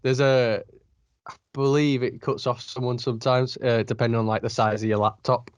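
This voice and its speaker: A man from the north of England with a northern English accent, hosting a podcast and telling animated stories with frequent laughs. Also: mid-range voice, moderate pace, dry recording. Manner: animated storyteller, laughs often. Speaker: podcast host. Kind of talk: casual chat. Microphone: video call.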